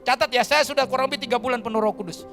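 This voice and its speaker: High-voiced pastor telling a lively sermon. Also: male voice, very fast, creaky, soft background music. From Kalimantan, Indonesia. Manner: lively, colloquial, keeps addressing the congregation. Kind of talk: storytelling sermon. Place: church.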